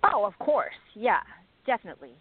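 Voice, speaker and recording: A woman's voice: medium pitch, sing-song, fairly quick, slightly rough, no echo. Woman chatting over a tinny phone line. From South Africa. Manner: warm, laughing, chatty. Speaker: actress guest. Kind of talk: casual interview.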